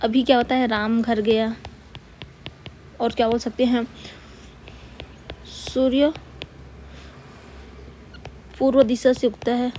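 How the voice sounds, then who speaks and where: A woman teaching a grammar lesson, patiently repeating key words, asking rhetorical questions and dictating slowly word by word as she writes. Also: a little high, flat delivery, mellow, slight background noise.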